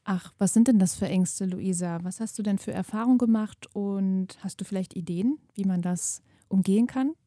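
A woman with a very dark, mellow voice hosts a university podcast and moderates it in a friendly, encouraging way. The recording is dry and close. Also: medium pitch, normal speed, few pauses, dry recording. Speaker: podcast host.

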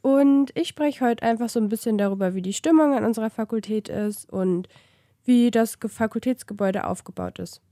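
A woman's voice: on the high side, fairly quick, warm tone, dry recording, studio quality. A young woman of twenty, a student guest, speaking hesitantly with fillers. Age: 20s. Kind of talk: podcast chat.

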